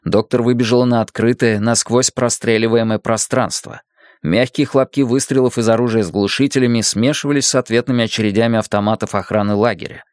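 A man reads a dramatic audiobook in a steady, measured way. His voice sits at a middle pitch. The recording is dry, with no room sound. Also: no echo. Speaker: audiobook narrator.

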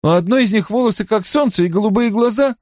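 A man's voice: high-pitched, fast, a little mellow, dry recording, clean studio sound, pitched above the performer's own voice, close to an everyday voice. A man reading an audiobook, voicing an eager, insistent young man who presses urgently for answers. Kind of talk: audiobook character voice.

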